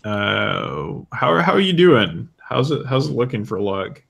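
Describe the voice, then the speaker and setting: A man running a tabletop game as game master, relaxed and hesitant, with many fillers. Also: medium pitch, measured pace, vocal fry, breathy edge.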